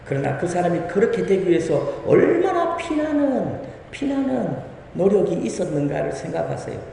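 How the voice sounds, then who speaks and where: A man's voice: high-pitched, very animated, normal speed, creaky, mellow, slight background noise. A man preaching a Sunday sermon as a pastor, asking the congregation questions and acting out quoted voices. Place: church sanctuary. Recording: echoey church hall.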